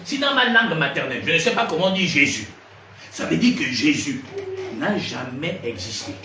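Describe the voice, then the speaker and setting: In a sermon to his congregation, a man from Gabon speaks at a moderate pace in a fairly high voice, relentlessly and lively questioning his listeners. A crowd can be heard behind him on a noisy, distant recording made in an echoey room.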